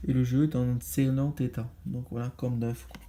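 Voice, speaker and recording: A man's voice: medium pitch, level tone, moderate pace, background noise. A man casually reviewing games he bought, talking in a rambling way with many fillers. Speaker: video game collector vlogger.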